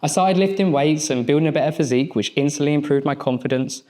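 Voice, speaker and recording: A man's voice: on the high side, fast talker, a little mellow. A young adult man, a mindset coach, giving a motivational speech on an event stage and telling a personal story in short, punchy phrases.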